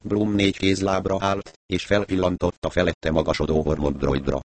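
A man reads a tense crime novel aloud in a measured, even narrating voice. His voice sits very low and deep. The recording is dry and close, with no room sound. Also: no echo. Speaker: audiobook narrator. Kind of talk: scripted narration.

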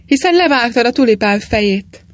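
A woman reading a brisk, bold adventurer. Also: on the high side, lively intonation, natural voice. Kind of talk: storybook reading.

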